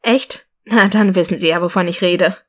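A young woman in a storybook frets and pleads, her voice pitched a little higher than the reader's usual. A woman reads her lines, staying close to her own tone. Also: moderate pace, fairly bright tone. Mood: pleading. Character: young woman passenger, anxious twin sister.

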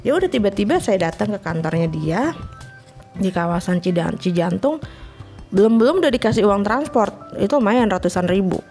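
A woman's voice: mid-range voice, animated, normal speed, a little mellow, soft background music. A woman talking casually in a personal monologue. She is chatty, laughs often and mixes in English words. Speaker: freelance scriptwriter.

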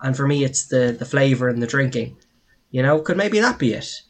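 A man's voice: medium pitch, animated, a little fast, a little hiss or hum. Conversational Irish man on a podcast. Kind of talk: casual group chat.

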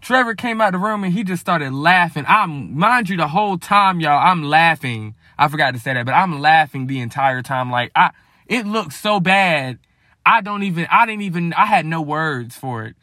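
A man telling a story to his viewers in a casual, lively, slangy way. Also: fairly high pitch, moderate pace, no echo, clean studio sound. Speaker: vlogger.

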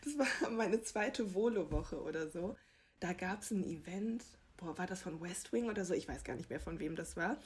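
A woman's voice: on the low side, animated, normal speed. A young woman working as a TV entertainment reporter, telling anecdotes in a chatty, self-deprecating way with frequent laughs. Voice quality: husky. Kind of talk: casual interview answers, anecdotes.

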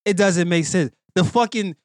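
A man's voice: high voice, normal speed, dry recording, clean studio sound. A young adult man co-hosting a podcast, telling jokey, profane stories in casual slang. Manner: joking, profane storytelling with slang. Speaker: podcast co-host. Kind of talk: casual chat.

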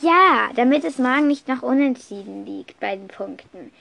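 A woman's voice: sits high, lively intonation, normal speed, gravelly, a bit bright, heavily acted. Woman voicing a chatty schoolgirl witch. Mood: explaining eagerly. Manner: eager, explaining, a little flustered.

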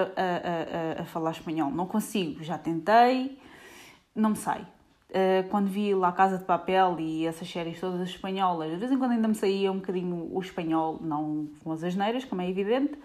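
A woman from Portugal with a European Portuguese accent, an airport security screener chatting casually to her viewers in an animated way. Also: mid-range voice. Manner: chatty, animated, frequent fillers, addresses viewers directly.

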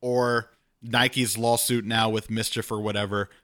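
A man co-hosting a podcast in casual chat, talkative and self-deprecating with quick asides. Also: lowish voice, little pitch movement, a bit bright. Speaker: podcast co-host.

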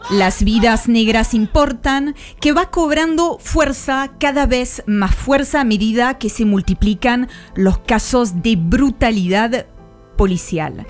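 A woman columnist narrating a radio segment on history in a slow, dramatic storytelling manner. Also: fairly high pitch. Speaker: international affairs columnist.

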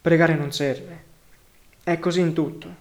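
A man's voice: fairly high pitch, flat delivery, a little slow, lightly acted. A man reading a curt, earnest young woman. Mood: firm. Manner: curt, matter-of-fact.

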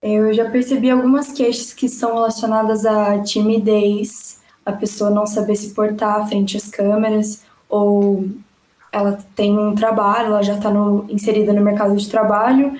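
A woman guest listing client complaints in an even, matter-of-fact way. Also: mid-range voice, normal speed, reverberant, poor audio. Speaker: student speech therapist, guest. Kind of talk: interview answer.

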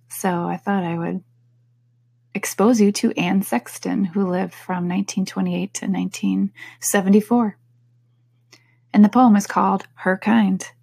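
A woman podcast host with a husky, sleepy morning voice, rambling casually to her listeners. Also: mellow. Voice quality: husky, slightly deeper morning voice. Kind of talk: casual solo talk to listeners.

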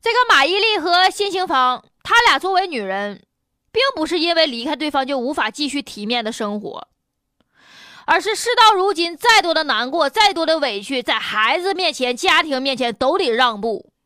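A woman hosts a comic news commentary in a folksy Northeastern Chinese accent. Her voice sits high and has a sharp, bright edge. She talks in animated rises and drops, colloquial and sardonic throughout. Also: normal speed, dry recording, studio quality. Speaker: radio show host.

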